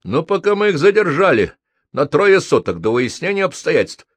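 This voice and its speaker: A man reading a story aloud and voicing an officious, condescending police sergeant in a flat, bureaucratic tone. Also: fairly high pitch, normal speed, breathy edge, dry recording, pitched above the performer's own voice.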